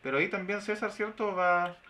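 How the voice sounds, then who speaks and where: A man with a Chilean Spanish accent, a teacher giving a webinar lesson, speaking in drawn-out phrases with constant tag questions. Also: high-pitched, pushed and bright. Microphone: video call.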